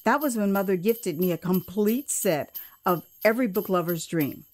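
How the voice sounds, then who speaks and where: Speaking at a medium pitch and a moderate pace, this woman from the United States narrates her memoir in first person as a dramatic audio piece. She's expressive, leaning on drawn-out words and tossing in casual side comments.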